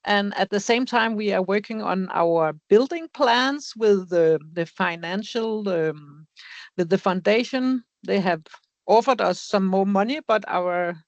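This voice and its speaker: A woman giving a project update in an online meeting, halting and searching for words. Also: medium pitch, dry recording, lo-fi sound. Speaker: project partner. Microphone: video call.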